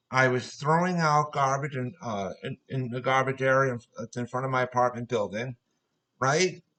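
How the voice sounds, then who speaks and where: A man's voice: a little high, bright, forceful tone, poor audio. A man ranting to camera about everyday annoyances, swearing often and telling his stories in an exasperated, repetitive way. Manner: profane, exasperated, repetitive storytelling. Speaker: vlogger. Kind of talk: angry ranting monologue.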